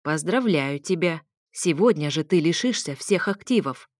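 A woman voicing a brash, commanding grandmother who scolds and mocks loudly, in an audiobook. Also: deep voice, expressive, moderate pace, no echo, studio quality. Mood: scolding. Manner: loud, scolding, mocking.

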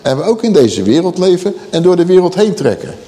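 This man's sermon on Bible teaching, recorded with the long reverb of a large hall, is full of rhetorical questions and key words drawn out for emphasis. His voice sits high and is very animated and mellow, moving at a fairly quick pace.

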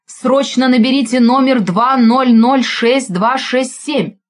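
A brisk young female clerk answering an office phone, alert and businesslike, as a woman narrator puts her on. Her voice rises well above the reader's usual pitch, bright and quick. It reads like a character in an audiobook. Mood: brisk alarmed.

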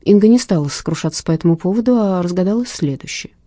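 A woman narrating an audiobook in a measured, tense storytelling manner. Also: fairly low pitch, animated, mellow, no echo, clean studio sound.

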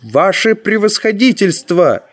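A man putting on a shrill, indignant courtier. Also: very animated, unhurried, heavily acted. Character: zealous pious narrow-faced male courtier. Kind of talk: audiobook narration.

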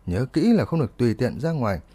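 A man playing a cool, aloof young hero who speaks in a calm, offhand way. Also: medium pitch, quick pace, breathy edge.

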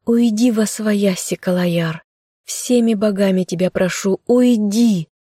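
Female reader doing the captive heroine, young and fiery, high and furious. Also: normal speed, breathy edge, dry recording, studio quality, close to an everyday voice. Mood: defiant. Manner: defiant, shouting.

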